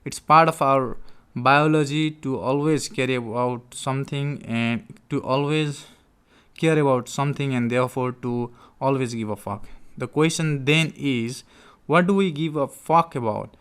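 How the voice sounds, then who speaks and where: A man reading a book aloud informally in a living room, halting and repeating words as he stumbles over them. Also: medium pitch, fairly bright tone, clean tone. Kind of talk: informal audiobook read-aloud with casual asides.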